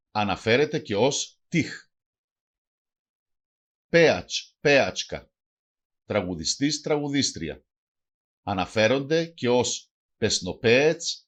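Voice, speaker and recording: A man's voice: medium pitch, slightly rough. Man reading a language lesson. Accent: Greek. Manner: reads each phrase, then its translation. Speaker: language teacher.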